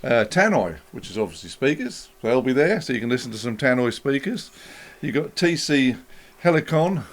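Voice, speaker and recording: A man's voice: mid-range voice, big pitch swings, moderate pace. A man co-hosting a casual gear chat, explaining things steadily, with many ums. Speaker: co-host.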